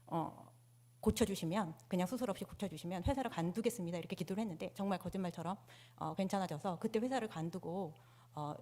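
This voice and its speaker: A woman giving a personal testimony to her church congregation on a handheld microphone, telling her story candidly and poking fun at herself. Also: mid-range voice. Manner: candid, self-mocking storytelling. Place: church sanctuary.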